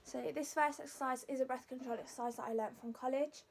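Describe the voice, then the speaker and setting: A woman's voice: high voice, steady tone, quick pace, slight background noise. A young woman with a Leicester accent informally explaining exercises to camera as a student. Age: young adult. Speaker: singing student demonstrating vocal warm-ups.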